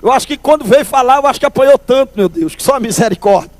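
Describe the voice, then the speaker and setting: A man's voice: extremely high pitch, quick pace, no room sound. A man from Recife, telling a humorous testimony at a church service and calling listeners brother. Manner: lively storyteller, calls listeners brother.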